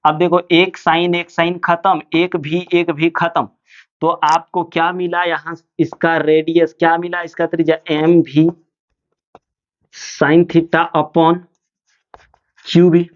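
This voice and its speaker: A man's voice: on the high side, little pitch movement, slow, muffled recording. A male physics teacher giving a classroom lecture, asking students questions and answering them himself. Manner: calls students "bhaiya" and "dear children".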